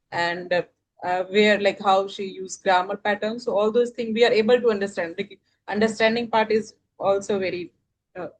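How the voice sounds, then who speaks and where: A woman with an Indian accent, an English learner, talking casually about how she practises listening, pausing often with fillers and restarts. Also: mid-range voice, poor audio. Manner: hesitant, many fillers and restarts.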